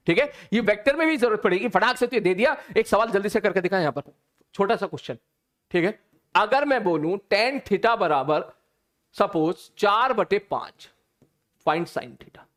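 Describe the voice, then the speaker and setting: A man's voice: high voice, fairly bright tone. A man teaching a live online physics class, chatty and teasing, talking to his students informally.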